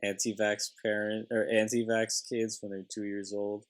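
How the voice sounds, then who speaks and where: A man's voice: fairly low pitch, level tone, moderate pace, rough recording. A man co-hosting a casual gaming chat, ranting and breaking into song. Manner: ranting, sings along jokingly. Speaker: gaming podcast co-host.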